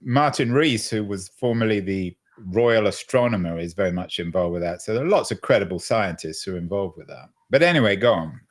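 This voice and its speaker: A man's voice: fairly low pitch, lively intonation, a little fast, few pauses. Sarcastic, skeptical man in debate. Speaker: podcast host. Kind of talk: casual debate.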